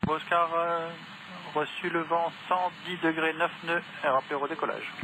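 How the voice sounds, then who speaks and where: A man's voice: fairly high pitch, steady tone, normal speed, bright, forceful tone, low-quality recording. A man working as an air traffic controller, speaking clipped radio phraseology over an aviation headset. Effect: aviation radio transmission.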